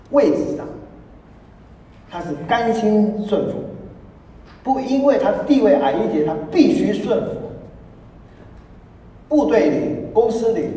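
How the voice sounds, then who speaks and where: A man's voice: high voice, slight background noise. A middle-aged man preaching a sermon as pastor, joking and laughing as he goes. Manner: animated, joking, laughs often. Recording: echoey hall from far off.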